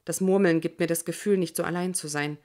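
A woman narrating a first-person audiobook in a reflective, measured way. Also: on the low side, steady tone, darkish tone.

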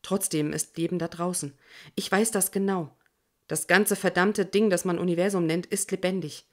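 A woman narrates a first-person audiobook in a measured, reflective way. Her voice sits a little low for a woman. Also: steady tone.

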